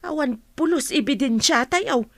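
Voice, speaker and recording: Acting in an Ilocano radio drama, a woman plays a wary village mother who questions and advises her family with concern. Her voice sits high with lively intonation and an unhurried pace, in a dry recording.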